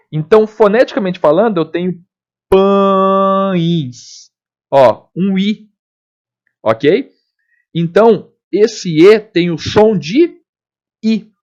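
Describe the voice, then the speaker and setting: A Brazilian man teaches a grammar lesson in a fairly high, animated voice that rises and falls a lot. He explains step by step and keeps checking with his students. The recording sounds dull and lo-fi. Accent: Brazilian Portuguese.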